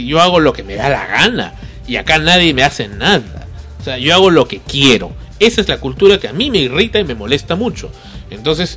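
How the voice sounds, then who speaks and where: A man's voice: a little high, a bit bright. A man, hosting a talk show and telling a story with indignation and rhetorical questions. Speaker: podcast host.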